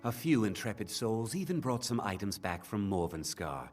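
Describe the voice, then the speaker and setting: An actor voicing a shrewd, self-assured male elf trader in a video game, with measured sales patter. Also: lowish voice, sing-song, darkish tone, faint music behind. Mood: smooth, guarded. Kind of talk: video game character acting.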